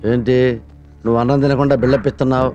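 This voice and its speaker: A man's voice: mid-range voice, flat delivery, rapid-fire, highs cut off, over music, close to an everyday voice. An actor playing a bossy middle-aged husband and local politician who nags and lectures his wife, in a film comedy scene. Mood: scolding. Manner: nagging, lecturing, mock-pleading. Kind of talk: Telugu film comedy acting. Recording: film soundtrack with background score.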